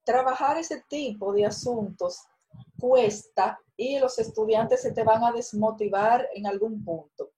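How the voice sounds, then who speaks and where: A woman's voice: fairly high pitch, measured pace, mellow, low-quality recording. A woman teacher giving an online class on a video call, explaining and correcting student work with encouragement. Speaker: university teacher.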